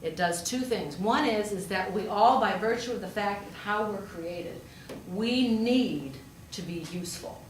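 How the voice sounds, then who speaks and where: Unhurried yet hardly pausing, a medium-pitched woman with lively intonation preaches a sermon built on storytelling. She keeps it conversational, asking rhetorical questions and repeating for emphasis, and she also serves as a hospital chaplain. The recording is roomy and distant, with slight noise.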